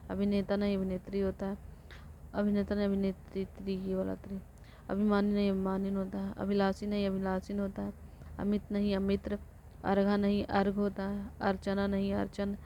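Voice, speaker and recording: Female tutor drilling exam word lists in a very flat voice; muffled recording. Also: mid-range voice, normal speed. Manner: flat rote recitation, corrects herself. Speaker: teacher. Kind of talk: reciting exam vocabulary lists. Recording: dull lo-fi recording with faint noise.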